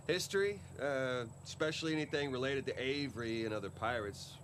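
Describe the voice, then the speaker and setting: An actor playing a joking, easygoing middle-aged ex-con treasure hunter in video game dialogue. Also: male voice, medium pitch, moderate pace, background noise, natural voice. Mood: reflective.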